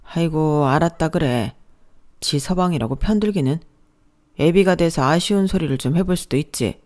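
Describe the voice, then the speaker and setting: A narrator voicing an older, old-fashioned father-in-law who talks bluntly and gruffly, then apologizes. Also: a little high, moderate pace, darkish tone, close to an everyday voice.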